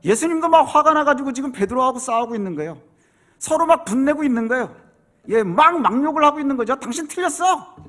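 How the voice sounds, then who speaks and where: A man's voice: very high-pitched, lively intonation, fast talker, a bit bright. A man preaching a sermon as pastor, explaining scripture and acting out quoted voices with rising intensity.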